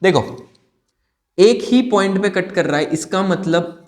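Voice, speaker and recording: A man's voice: high voice, unhurried, darkish tone. A young man from India teaching maths in a casual, playful way, posing questions and answering them himself. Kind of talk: casual classroom explanation.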